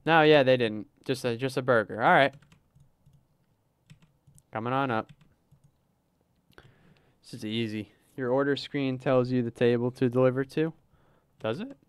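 A man's voice: mid-range voice, measured pace, long pauses, smooth, no echo. A man livestreaming a cooking game, chatting casually as he plays, narrating his moves and reading chat aloud. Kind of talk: casual gameplay livestream commentary.

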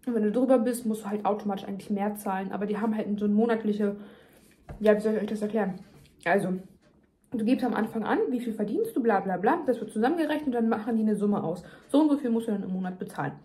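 A woman's voice: medium pitch, quick pace, dark tone. A young woman venting emphatically in casual chat to her viewers, talking while chewing. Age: young adult. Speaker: vlogger. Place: home kitchen, indoors.

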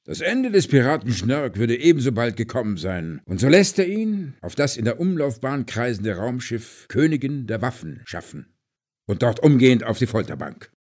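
A man's voice: mid-range voice, big pitch swings, moderate pace, a little mellow. A man narrating an audiobook in a dramatic storytelling manner with varied emphasis. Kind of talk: scripted narration.

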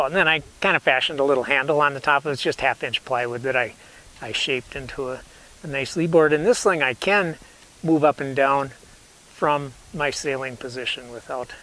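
A man's voice: medium pitch, moderate pace, fairly bright tone, low-quality recording. A man in his sixties giving a casual, rambling, self-correcting how-to demonstration outdoors on a lawn, recorded on a camera mic. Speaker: canoe builder showing his rig. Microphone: camera mic, sometimes far from camera.

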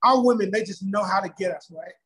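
A middle-aged man telling his own story in a casual interview, lively and acting out quoted dialogue. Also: high-pitched, quick pace, husky, low-quality recording. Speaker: guest.

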